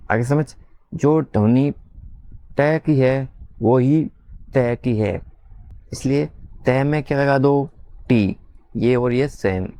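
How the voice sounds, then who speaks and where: A man teacher, teaching in a classroom way. He asks questions, answers them himself, and spells letters out slowly one at a time. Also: mid-range voice, a little mellow, no room sound. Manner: spells letter by letter in a slow sing-song. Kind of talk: classroom lesson.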